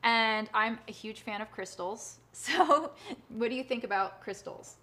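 A woman hosting a live social-media conversation, talking fast and in a bubbly way. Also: on the high side, sharp tone. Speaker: host.

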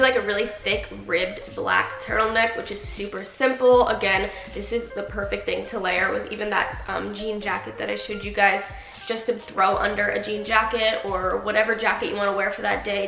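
A woman's voice: fairly high pitch, gravelly, fairly bright tone. A young woman chatting casually and gushingly to camera as a fashion vlogger, recorded in an echoey empty apartment room. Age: young adult. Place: small unfurnished carpeted room, indoors.

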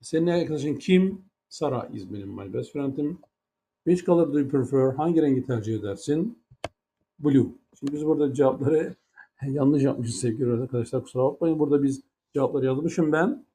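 A man's voice: mid-range voice, brisk, warm tone. A man teaching an English grammar lesson in Turkish, with a Turkish accent in English. He explains patiently, step by step, and asks many rhetorical questions.

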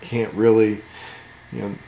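A man's voice: on the low side, flat delivery, measured pace, vocal fry, warm tone, reverberant, a little hiss or hum. A man casually walking through a camper as an RV channel host, joking and laid-back in his asides. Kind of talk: casual walkthrough commentary. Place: inside a camper at an RV show.

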